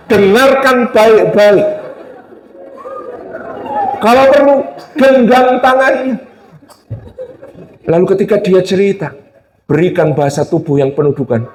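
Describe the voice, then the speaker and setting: A man's voice: high voice, slow pace, pauses often, darkish tone, some chatter behind. A male Islamic preacher giving a religious lecture, telling stories with humor and acted-out quotes. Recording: roomy hall, distant mic.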